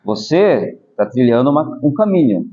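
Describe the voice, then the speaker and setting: A man's voice: mid-range voice, moderate pace. A middle-aged Brazilian man, a taekwondo master, telling stories and explaining patiently in a casual interview. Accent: Brazilian Portuguese. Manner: animated, explains patiently with small asides. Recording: slightly dull lo-fi audio.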